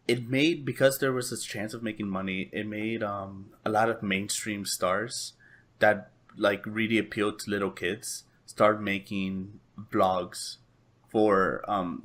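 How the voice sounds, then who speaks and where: A young man with a lowish, bright voice talks casually on a podcast, wandering through his points. He fills his speech with "like" and "um" and restarts his sentences often. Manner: rambling, heavy use of "like" and "um". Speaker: podcast host.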